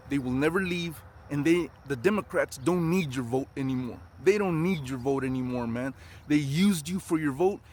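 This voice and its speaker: A man's voice: fairly high pitch, a little mellow, a little hiss or hum. A man recording a selfie video outdoors on a phone at arm's length, urgent and insistent, repeating his points. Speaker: clip speaker.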